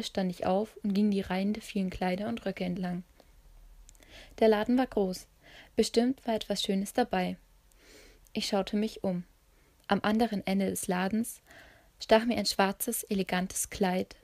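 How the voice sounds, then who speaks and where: Woman narrator for a dramatic first-person story; whispers the tense parts, mid pitch, dry close mic. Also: vocal fry, darkish tone, no room sound.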